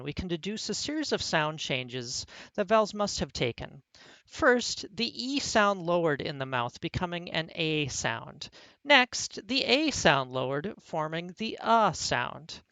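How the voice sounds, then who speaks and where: A speaker delivering a scripted parody lecture as a mock college professor, in a deadpan, mock-serious manner. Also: medium pitch, dry recording.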